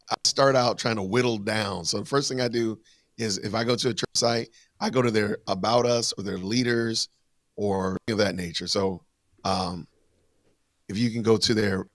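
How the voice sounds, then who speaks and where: A man with a gravelly edge to his voice talks casually on a livestream. He walks through things step by step, with fillers and restarts along the way. The sound is dry and close. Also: mid-range voice, fairly bright tone, no echo. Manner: conversational, explains step by step with fillers.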